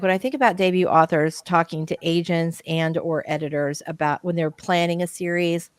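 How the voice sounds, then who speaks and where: A woman's voice: fairly low pitch, smooth, no room sound. A woman co-hosting a casual live-stream chat, reading viewer comments aloud and talking with many restarts. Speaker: livestream co-host.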